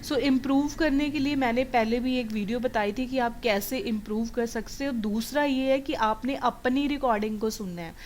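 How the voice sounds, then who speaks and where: A woman coaching students for an English test, explaining step by step as she switches between Hindi and English. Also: a little high. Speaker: PTE exam coach. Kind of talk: teaching a test-prep lesson.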